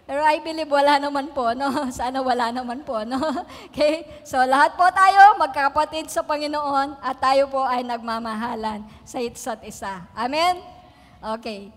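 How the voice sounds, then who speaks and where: A woman's voice: sits high, moderate pace. A middle-aged woman from the Philippines preaching a sermon, telling family stories in a chatty way, laughing often and checking in with the congregation. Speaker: pastor. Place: church hall. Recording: long reverb of a church hall.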